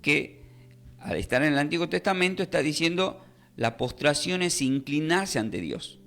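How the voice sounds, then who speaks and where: A man's voice: on the high side, lively intonation, normal speed, a bit bright. A man teaching a radio Bible class, emphatic, often repeating phrases and spelling out words. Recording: radio studio with faint music.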